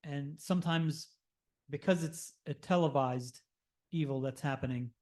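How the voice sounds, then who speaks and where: A man stands before a church congregation as guest speaker. His voice sits slightly high and stays earnest and persuasive, with a few restarts as he works toward each point. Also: unhurried, darkish tone. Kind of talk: speech to a congregation. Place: church service, in person.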